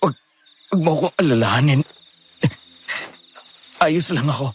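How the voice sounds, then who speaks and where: A man playing a secretive young man who gives hushed, urgent warnings in a horror audio drama. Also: fairly high pitch, measured pace, slightly rough. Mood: pleading.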